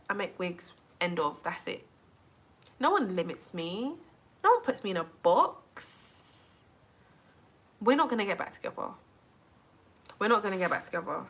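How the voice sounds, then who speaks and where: A woman in her twenties from England, chatting casually to viewers on a phone livestream from home, filling her talk with "like". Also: mid-range voice. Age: 20s. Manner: chatty, says "like" constantly, animated. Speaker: vlogger. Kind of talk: casual live-stream chat.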